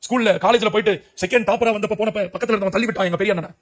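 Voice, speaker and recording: Rapid, high-voiced impassioned male preacher. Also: fairly even intonation. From Puducherry, India. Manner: emotional, urgent, cries out to young listeners. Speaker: preacher giving his testimony. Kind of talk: impassioned testimony sermon.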